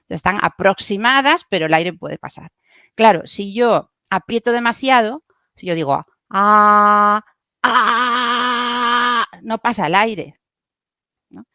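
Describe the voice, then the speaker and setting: A woman's voice: mid-range voice, expressive, moderate pace, fairly bright tone, no echo, clean studio sound. A woman speech therapist, patiently explaining how the voice works and demonstrating sounds as a podcast guest.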